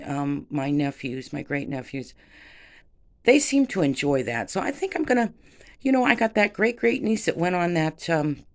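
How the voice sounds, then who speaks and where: An older woman who resells vintage glass, chatting to her viewers in a rambling, sentimental way. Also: low voice. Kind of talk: casual vlog chat.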